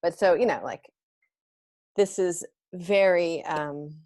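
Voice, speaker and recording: Woman in her fifties, host, rambling fashion chat over a video call, voice sits a bit low. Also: slow pace, darkish tone. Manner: chatty and rambling, trails off mid-sentence.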